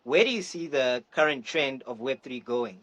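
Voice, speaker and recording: A man's voice: mid-range voice, lively intonation, moderate pace, fairly bright tone, rough recording. A man hosting a podcast, introducing his guest with playful hype and asking questions. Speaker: podcast host. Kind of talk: energetic podcast interview.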